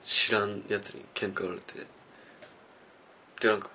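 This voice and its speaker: A man's voice: lowish voice, little pitch movement, moderate pace, bright, forceful tone, slight background noise. A man co-hosting a podcast in casual chat, telling a story with animation and frequent laughter. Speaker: podcast co-host.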